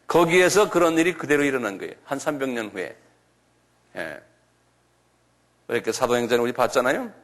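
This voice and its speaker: A man giving a church lecture, slowly spelling out and repeating foreign names and often asking his listeners questions. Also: mid-range voice, animated, a bit bright. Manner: slow, repetitive, asks the audience questions. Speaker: lecturer on creationism.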